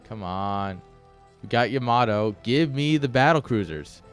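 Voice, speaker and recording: A man's voice: mid-range voice, lively intonation, measured pace, clean tone, soft background music. A man giving casual esports commentary with joking, sarcastic asides.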